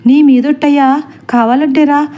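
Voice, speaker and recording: A woman voicing a bold, gossipy village wife who talks briskly and rustically. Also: sits high, fairly even intonation, dark tone, voice pushed up, close to an everyday voice. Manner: brisk, whispering secrets, rustic. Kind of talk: storybook acting.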